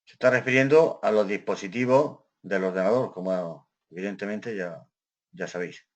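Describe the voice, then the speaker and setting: A man's voice: fairly low pitch, normal speed. Man, computer teacher, step-by-step explanation, keyboard clicks behind, trails off while typing. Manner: explains step by step, checking in with "¿vale?". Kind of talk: screen-recorded software lesson.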